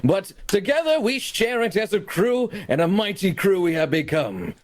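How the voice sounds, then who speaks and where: A man's voice: high-pitched, big pitch swings, normal speed. A man playing a tabletop game, talking in an earnest, courtly knight manner. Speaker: player.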